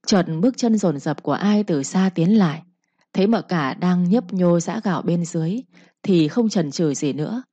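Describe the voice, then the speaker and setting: A woman narrating a storybook in a steady, plain manner. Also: lowish voice, moderate pace, breathy edge, no room sound. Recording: dull, lo-fi, dry.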